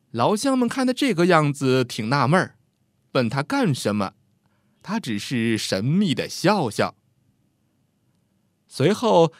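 A man narrating a scripted story with an expressive, lively delivery. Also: medium pitch, no room sound, studio quality.

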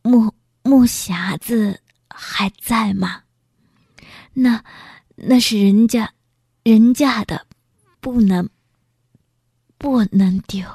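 A woman voicing an older female innkeeper who talks in an indignant, firm way, with an animated, lively pitch. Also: fairly quick, dry recording, studio quality, lightly acted. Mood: faint, halting.

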